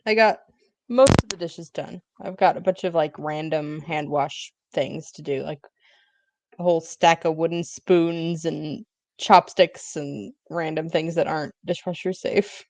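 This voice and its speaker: Lowish-voiced woman, dry close sound. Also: steady tone, a little mellow, no room sound. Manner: chatty, encouraging, quick back-and-forth. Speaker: co-host of a productivity stream. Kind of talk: casual chat.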